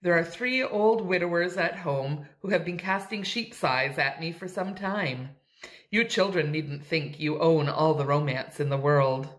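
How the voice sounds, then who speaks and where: Woman reader doing an older auntie, patient and dry, measured low voice. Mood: wry. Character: older aunt, patient and dryly candid.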